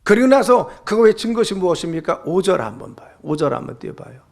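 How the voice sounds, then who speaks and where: A middle-aged man delivers a sermon with a voice that sits notably high for a man and carries a gravelly edge. He preaches earnestly and keeps turning to his listeners with rhetorical questions. The sound is that of a pastor speaking in his church. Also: sing-song, fast talker, a little mellow. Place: church sanctuary.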